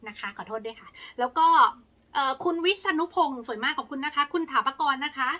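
A young woman from Thailand talks through viewer questions in a relaxed vlog, polite and chatty with plenty of soft fillers. Her voice sits high and sounds bright and sharp. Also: a little fast. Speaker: YouTuber answering viewer questions. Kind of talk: casual Q&A vlog.

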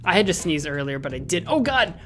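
High-voiced man doing playful game commentary. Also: very animated, brisk, pushed and bright. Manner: jokey, thinks aloud, repeats himself. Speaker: gaming host. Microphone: desk microphone close to the mouth. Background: faint game music.

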